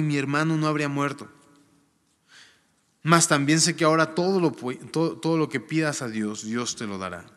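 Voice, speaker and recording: Bright-voiced man reading scripture in a reverberant hall. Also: on the high side. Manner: reads scripture aloud, then comments conversationally with frequent tag questions. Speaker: Bible teacher. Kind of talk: Bible reading with casual commentary.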